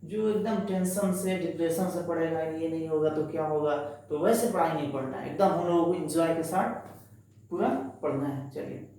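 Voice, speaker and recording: A man's voice: fairly high pitch, steady tone, moderate pace, dark tone. A male teacher, giving a chatty, reassuring online lesson and repeating key words. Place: echoey classroom, writing on a board. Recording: very echoey room, voice from a distance.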